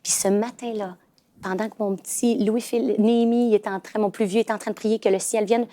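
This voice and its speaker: Her voice is medium in pitch, dark and steady, and fairly quick as this Québécois-accented woman in her thirties chats about her family as a talk show guest. She fills her speech with hesitations and restarts.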